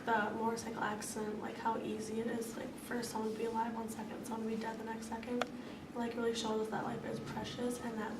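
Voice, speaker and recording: A woman's voice: fairly high pitch, monotone, fast. A teenage girl, a student, reacting casually in an interview with many "like" fillers. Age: teens. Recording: roomy echo, distant mic, loud noise.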